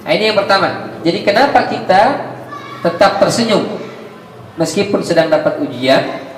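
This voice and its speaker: A man preaching on Quran exegesis in a relaxed, conversational way, asking himself questions and then answering them, in an echoey hall recorded from far off. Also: sits high, normal speed, a little hiss or hum. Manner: conversational, asks and answers his own questions.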